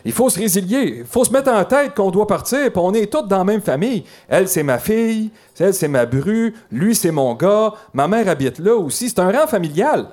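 An older rural man speaks in an earnest, plaintive tone, as a Quebec French man puts him on. His voice sits raised and lively, with a Quebec accent. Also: sits high, normal speed, hardly any pauses, voice pushed up. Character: older rural man, distressed, attached to family land.

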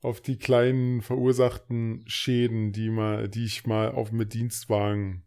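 A man with a Berlin accent in casual podcast chat, stopping often with hesitant filler pauses. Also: lowish voice, level tone, a little mellow, clean tone. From Berlin, Germany. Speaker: podcast co-host. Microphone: new microphone over a video call.

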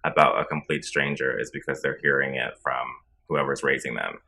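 Deep monotone man with vocal fry. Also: brisk. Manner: chatty, many filler likes. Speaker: podcast guest. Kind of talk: casual chat.

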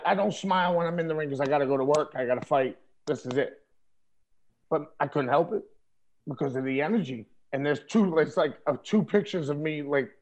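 A man talking casually over a video call in a streetwise, emphatic way, often asking "you know what I mean?". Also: fairly high pitch. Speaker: interview guest, wrestler.

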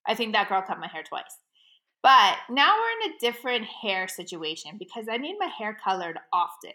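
Bright-voiced chatty woman co-host. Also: medium pitch, normal speed. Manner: animated storyteller, laughs often. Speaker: podcast co-host. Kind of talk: casual chat.

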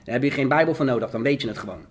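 A Dutch man tells his story at a rapid clip, earnest and fervent, often repeating himself as he builds. His voice sits at an ordinary middle pitch and pushes forward with conviction. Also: a crowd in the background. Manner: earnest, fervent, fast and repetitive. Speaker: guest. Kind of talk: emotional testimony in an interview.

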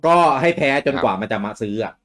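A man's voice: on the low side, animated, fast, crowd noise. Thai male livestream host, casual, greets viewers by name, trips over hard names.

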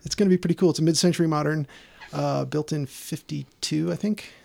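Gravelly, higher-voiced male podcast host. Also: steady tone, fairly quick, a little mellow. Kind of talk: casual podcast chat. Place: small garden shed.

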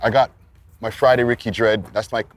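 Man hosting, mid-pitched, slangy. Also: level tone, fairly quick. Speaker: host interviewer. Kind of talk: casual street interview, slangy. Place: outdoors in a neighbourhood. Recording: faint outdoor background noise.

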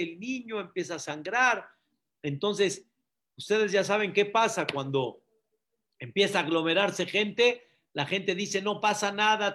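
A man's voice: sits high, fairly bright tone. A man preaching a sermon as a rabbi, emphatic and full of rhetorical questions. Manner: acts out voices of people in his stories.

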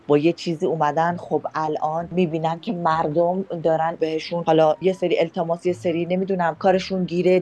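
A woman's voice: low-pitched, darkish tone. A woman guest on a talk podcast, indignantly recounting her own run-ins with officials.

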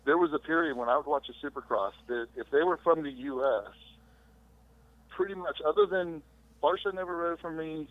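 A middle-aged man calling in remotely as a podcast guest, recalling his career in a relaxed, rambling way with fillers. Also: a little high, moderate pace, dry recording. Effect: heard over a remote phone call. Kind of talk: casual interview storytelling. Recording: tinny dry phone-line audio.

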